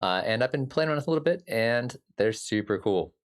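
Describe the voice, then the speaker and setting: A brisk man with a medium-pitched, slightly scratchy voice and lively intonation hosts a relaxed music production stream. Rambling with lots of fillers, he says hello to viewers by name and keeps up with their chat questions.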